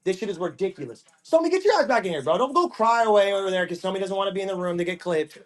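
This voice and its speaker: Profane, high-voiced male livestream seller. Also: animated, rapid-fire. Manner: profane, aggressive ranting. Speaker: live-stream card seller. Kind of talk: angry livestream rant.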